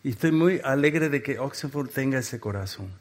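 Argentine man, guest preacher, short phrases with pauses to be translated, mid-pitched. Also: expressive. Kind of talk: sermon.

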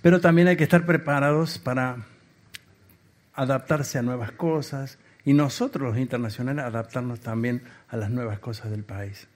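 A man from Argentina, preaching a sermon in short phrases and pausing for an interpreter. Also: medium pitch. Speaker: guest preacher.

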